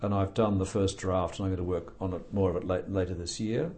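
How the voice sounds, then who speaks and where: A man's voice: deep voice, steady tone, fast talker, warm tone. An older man and author being interviewed, talking thoughtfully with dry humor and plenty of hesitations. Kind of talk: reflective interview talk.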